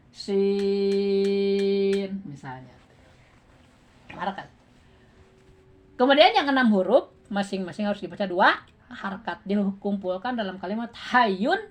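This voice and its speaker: A woman's voice: mid-range voice, slightly rough. Sundanese-accented woman teaching recitation. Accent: Sundanese-tinged Indonesian. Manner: quizzes students, counts beats aloud, laughs often. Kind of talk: classroom lesson.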